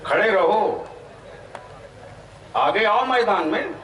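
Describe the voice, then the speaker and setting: A man preaching to an outdoor gathering, questioning the crowd and rising into shouts. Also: high voice, animated, extremely slow. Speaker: Islamic preacher. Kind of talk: fiery sermon to an outdoor crowd. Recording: echoey distant PA sound.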